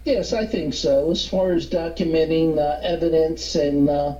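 A man calling in as a guest over a speakerphone, answering questions in a hesitant, halting way with many fillers. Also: a little high, steady tone, dark tone. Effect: speakerphone call. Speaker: phone-in guest, paranormal investigator and author. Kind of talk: casual interview answers. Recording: muffled echoey speakerphone line.

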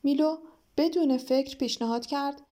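High-voiced woman reading a storybook. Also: dark tone. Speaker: audiobook narrator.

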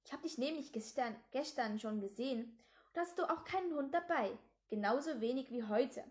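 A woman's voice: high-pitched, animated, normal speed, darkish tone. Woman doing a bullying young gang leader, storybook read-aloud; taunting, threatening. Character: bossy young male gang leader, menacing. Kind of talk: storybook reading.

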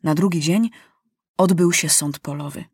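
A woman narrating a children's storybook aloud, animated and acting out the characters. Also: lowish voice, normal speed, husky, no echo, studio quality.

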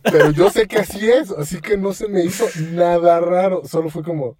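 Mexican man telling a wild story, mellow voice. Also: sits high, normal speed, no room sound. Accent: Mexican Spanish. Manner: animated, acts out quotes, heavy slang. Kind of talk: casual storytelling.

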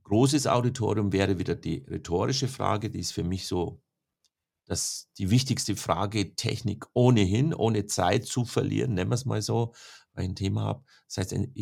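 A speaker coach with a fairly low, creaky, husky voice answers interview questions, explaining his points in a lively way and often finishing with a questioning "ne?".

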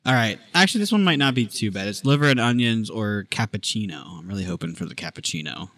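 Man, lowish voice, dry close mic, casual profane podcast banter, self-mocking. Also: lively intonation, fast, no echo. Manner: swearing, self-mocking, laughs loudly. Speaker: podcast co-host.

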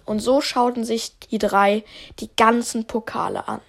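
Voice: medium pitch, steady tone, unhurried, vocal fry. Eine junge Stimme erzählt locker und etwas stockend eine improvisierte Geschichte und moderiert die Folge. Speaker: narrator and host. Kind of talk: improvised story narration.

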